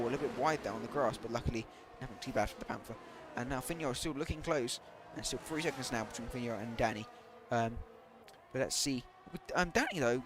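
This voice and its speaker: A man doing live commentary on an online racing league, talking hesitantly with many fillers, saying he is losing his voice. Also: medium pitch.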